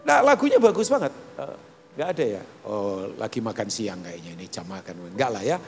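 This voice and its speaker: A middle-aged man preaching in a large church hall, his voice ringing with a long reverb. He talks in a lively, joking way, chatting with the congregation. Soft keyboard and guitar music plays behind him. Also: lowish voice, normal speed. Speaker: pastor. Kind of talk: live church sermon.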